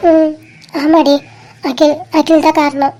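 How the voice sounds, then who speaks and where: A heartbroken young woman in a cartoon voiced by a performer speaks. She talks softly and haltingly through tears and pleads. She stays stubborn about her hurt. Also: high-pitched, flat delivery, soft background music. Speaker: animated series character. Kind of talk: dramatic cartoon dialogue.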